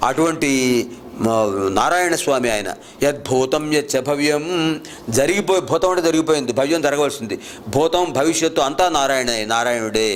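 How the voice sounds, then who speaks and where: Man, religious discourse, resonant clear voice, chanted verses, quick explanations. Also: fairly high pitch. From India. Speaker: spiritual lecturer.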